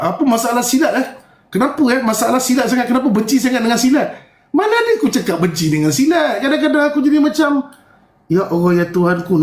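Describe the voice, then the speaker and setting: A man's voice: very high-pitched, a little mellow, roomy sound. A man with a Malaysian Malay accent hosting a casual live stream, talking bluntly and firmly and mimicking others. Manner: blunt and self-described firm, mimics people. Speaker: live-stream host sharing experiences.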